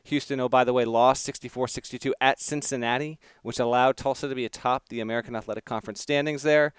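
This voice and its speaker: A man's voice: mid-range voice, steady tone, fast talker, smooth, no room sound, studio quality. A man in his thirties, co-hosting a casual sports podcast, with wry, joking banter. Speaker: podcast co-host.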